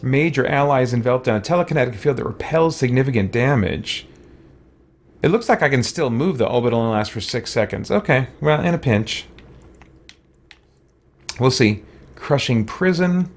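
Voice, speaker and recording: A let's play host with a medium-pitched voice narrates a gaming playthrough casually, thinking aloud and muttering to himself. He alternates between reading on-screen text and tossing out offhand musings. His intonation is lively and his pace moderate, with long pauses.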